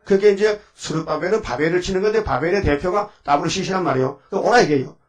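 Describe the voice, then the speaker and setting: A man's voice: sits high, fast. A man preaching at a dawn service in a heated, scolding, rambling way, prodding listeners with rhetorical questions. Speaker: pastor.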